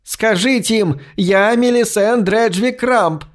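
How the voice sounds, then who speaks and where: A man putting on a shrill, screeching bony old woman. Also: slow. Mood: shrieking plea. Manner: wailing, self-pitying. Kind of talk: audiobook narration.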